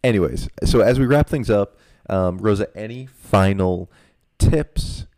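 A man's voice: on the low side, lively intonation, a little slow, a little mellow, no room sound, studio quality. A young man co-hosting a podcast, chatting in an easygoing way full of fillers and steering the conversation. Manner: easygoing, many fillers, leads the talk. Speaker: podcast co-host. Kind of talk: casual chat.

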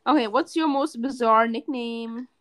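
A young woman co-hosting a podcast chats casually and hesitantly, filling her speech with many fillers. Her voice is on the high side and a bit bright, and she speaks a little slowly.

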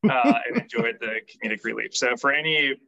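Bright, gravelly-voiced man chatting casually. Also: medium pitch, a little fast, highs cut off. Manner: relaxed, frequent fillers and restarts. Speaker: podcast guest, PR consultant. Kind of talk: casual interview talk.

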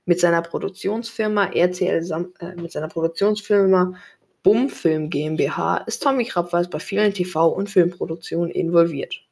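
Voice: mid-range voice, moderate pace, creaky, a little mellow. A reader presenting a book and its author, reading aloud plainly with occasional slips.

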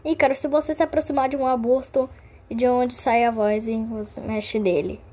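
A woman's voice: on the high side, steady tone, moderate pace, dark tone, lightly acted. A woman reading as a cheeky young guy. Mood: teasing.

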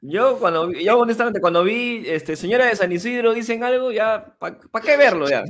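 A man's voice: high voice, normal speed, a bit bright. A man co-hosting a comedy podcast, chatty and laughing along. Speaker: podcast co-host. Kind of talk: casual comedy banter.

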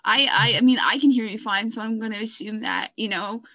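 A woman's voice: a little high, a little fast, bright, forceful tone, no echo. A woman co-hosting a podcast, chatting casually about songs, chatty and playful with frequent laughs. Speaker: podcast co-host. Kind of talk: casual chat reviewing songs. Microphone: own microphone while recording.

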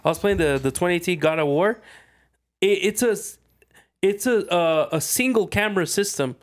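A man with a high-sitting voice talks at normal speed as a podcast co-host. The chat is casual and about video games, and he often repeats phrases for emphasis.

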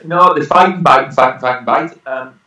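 A man's voice: mid-range voice, fairly quick, bright, forceful tone. Male podcast panellist, 40s, jokey banter, heard from off the mic in a heavily echoing room. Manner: jokey, teasing. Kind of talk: casual chat. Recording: very echoey room, distant microphone.

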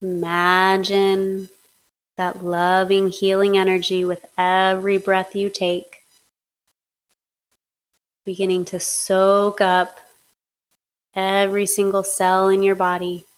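A woman leading a guided hypnosis meditation in a slow, soothing, steady way. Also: mid-range voice, rough recording. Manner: slow, soothing, monotone guidance.

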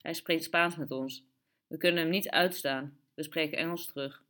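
A woman reading a story aloud in steady, measured narration. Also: low voice. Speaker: audiobook reader. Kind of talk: scripted narration.

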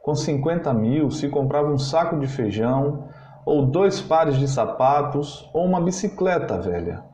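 Mellow male podcast reader in a roomy space. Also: fairly high pitch, lively intonation, a little hiss or hum. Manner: slow, measured storytelling. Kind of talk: literary reading. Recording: roomy, slightly dull, faint music.

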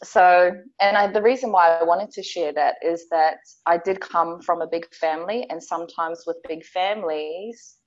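Candid New Zealand woman, low voice. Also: normal speed, few pauses, lo-fi sound. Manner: candid, reflective, with frequent ums and soft laughs. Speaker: podcast guest. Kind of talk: personal storytelling in conversation.

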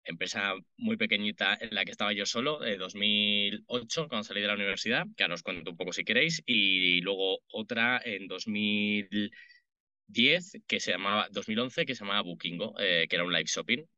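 A Madrid entrepreneur in his thirties gives conversational interview answers as a podcast guest, speaking informally and colloquially with a Madrid Spanish accent. His low voice is very bright and brisk. The audio is lo-fi with no room sound.

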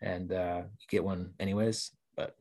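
A man's voice: low voice, little pitch movement, normal speed, a little mellow. A man co-hosting a podcast, welcoming a guest in a joking, casual way. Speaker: podcast co-host. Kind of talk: casual interview chat.

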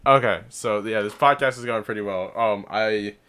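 A man's voice: lowish voice, normal speed, sharp tone, clear, resonant tone. A young man co-hosting a casual podcast, rambling and crude, laughing often, close to the mic. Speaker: podcast co-host. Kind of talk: casual chat.

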